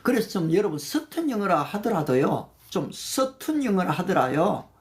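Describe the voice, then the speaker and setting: An older man leading a livestreamed prayer meeting, reciting Bible verses slowly in English and thanking viewers by name. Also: sits high, very animated. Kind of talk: livestreamed devotional talk.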